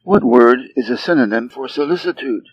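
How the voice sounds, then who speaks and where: With an animated, mid-range voice, a Wisconsin English teacher with a Midwestern American accent slowly reads scripted fables and quiz questions to learners. He stays clear and deliberate, and his pitch rises over the answer choices. Faint noise sits under the dull, lo-fi sound.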